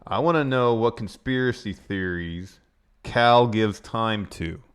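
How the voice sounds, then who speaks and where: A podcast host with a low, deep voice chats in an easy, casual way. He reads out questions from listeners between short reactions. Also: slow, smooth.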